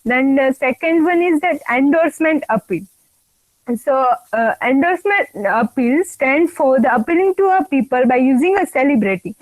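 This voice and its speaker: High-pitched, halting Indian woman, dry sound. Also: lively intonation, no echo, low-quality recording. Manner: halting, repeats and restarts words. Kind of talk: screen-shared presentation. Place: online call.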